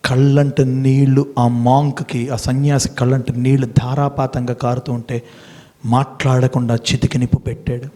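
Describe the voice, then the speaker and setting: A man giving an emphatic motivational speech, quizzing the audience with questions and slowing down to tell stories dramatically. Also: medium pitch, level tone, mellow. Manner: slows down for dramatic storytelling. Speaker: motivational speaker. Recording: long hall reverb.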